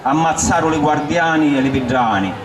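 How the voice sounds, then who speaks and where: A man's voice: a little high, brisk, a crowd in the background, natural voice. A man with a Sicilian accent voicing a frantic, lamenting servant who brings bad news, in a live verse recitation. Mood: panicked lament. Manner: breathless, lamenting, pleading. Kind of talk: acted within a verse recitation. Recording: roomy echo, distant mic, clear background noise.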